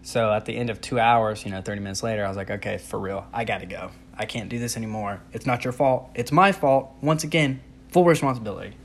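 Animated young man telling a story. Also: fairly low pitch, quick pace, a little hiss or hum. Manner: animated, self-deprecating, acts out his own reactions. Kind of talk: casual comic storytelling.

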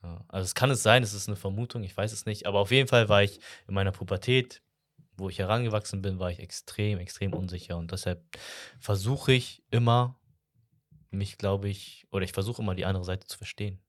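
Reflective young man, low voice. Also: fairly even intonation, brisk. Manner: reflective, self-doubting, playful. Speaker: podcast co-host. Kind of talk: casual chat.

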